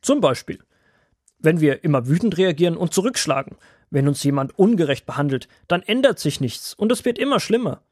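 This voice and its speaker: A man's voice: on the high side, animated, brisk, a little mellow, dry recording, studio quality. A man voicing an old grandfather woodworm who patiently explains things to his grandchildren in a children's audio drama. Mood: gentle.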